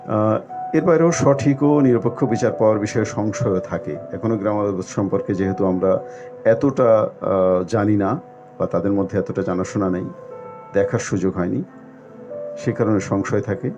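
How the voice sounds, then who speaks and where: Over music and in dull, lo-fi sound, a man with a fairly low voice gives a discussion-show answer. He speaks formally and deliberately, setting out his points one by one and pausing as he goes. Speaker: expert guest on a live phone-in discussion. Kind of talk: explanatory panel discussion, point by point. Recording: muffled lo-fi audio with music behind.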